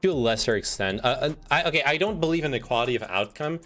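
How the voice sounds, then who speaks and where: Soft music accompanies a man whose medium-pitched, slightly bright voice is fast with lively intonation. It's a casual livestream full of swearing, where he reads quiz statements and reacts, rambling and often restarting sentences.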